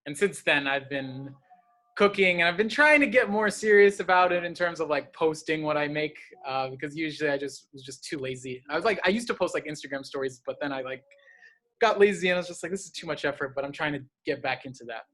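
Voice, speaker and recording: Young man, higher-pitched, rambling and self-deprecating casual talker. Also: expressive, a little fast, bright, forceful tone. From partly raised in the Gulf, of North African parents. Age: young adult. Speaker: cooking class host. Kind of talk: casual personal chat.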